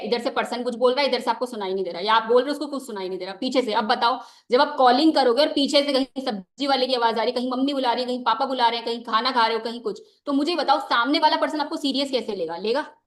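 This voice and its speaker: A woman's voice: on the high side, quick pace, hardly any pauses, reverberant. A young woman giving a conversational motivational training talk into a microphone, mixing in English phrases and often saying "ठीक है" as a filler. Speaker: network marketing trainer. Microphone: wearing a microphone.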